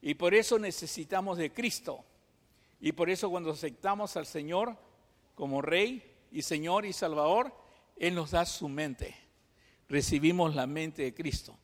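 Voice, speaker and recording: A man from Peru with a Peruvian Spanish accent, preaching a sermon and teaching through lively examples and rhetorical questions. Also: on the high side, unhurried. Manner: animated storytelling, acts out examples, rhetorical questions. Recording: long hall reverb.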